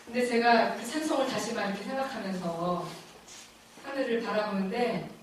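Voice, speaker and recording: A middle-aged woman giving a personal faith testimony at a church lecture, telling her story in an animated, emotional way and laughing often. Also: mid-range voice, normal speed, very echoey, distant mic, slight background noise, poor audio.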